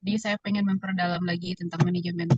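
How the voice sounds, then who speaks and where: Woman, 30s, from West Sumatra, teacher, flat even voice, measured, dull dry recording. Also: on the low side, slightly rough, dry recording. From West Sumatra, Indonesia. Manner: measured, with fillers. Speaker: teacher and graduate student. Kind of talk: self-introduction in class.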